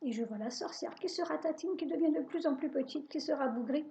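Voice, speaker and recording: Expressive woman reading a children's tale. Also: high voice, fairly quick. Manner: lively, expressive first-person telling. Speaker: storyteller. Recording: dull lo-fi recording.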